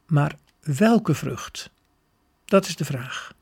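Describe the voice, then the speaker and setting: A man voicing the Eternal One, a calm, fatherly male God in a storybook tale. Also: a little high, extremely slow, gravelly, breathy edge, heavily acted.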